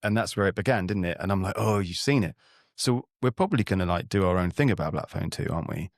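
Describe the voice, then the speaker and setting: A man's voice: sits low, expressive, quick pace, dry recording, clean studio sound. A man co-hosting a podcast in casual, self-mocking, playful banter. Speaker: podcast co-host. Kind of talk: casual chat.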